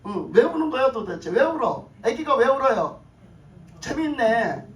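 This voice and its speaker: A woman's voice: on the high side, big pitch swings, normal speed. A woman pastor preaching a sermon, often asking the congregation questions, repeating her phrases and chuckling. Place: church sanctuary. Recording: echoey room, voice from far off, faint noise.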